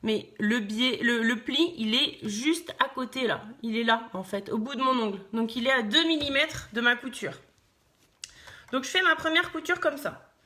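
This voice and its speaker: A woman's voice: on the high side, moderate pace, bright, forceful tone. A woman from France teaching sewing at her machine in a live tutorial, chatting casually and thinking aloud with many fillers as she works.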